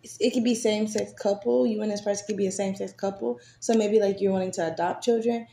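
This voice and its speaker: A woman's voice: mid-range voice, fairly even intonation, fast talker, creaky, mellow. A woman giving a casual tarot reading, chatty and swearing freely, with many fillers. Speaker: tarot reader. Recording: echoey room, faint noise.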